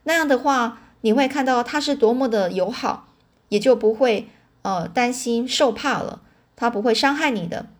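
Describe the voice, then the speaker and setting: A woman's voice: on the high side, normal speed, natural voice. A woman doing an earnest, coaxing farm boy. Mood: pleading. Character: eager pleading farm boy.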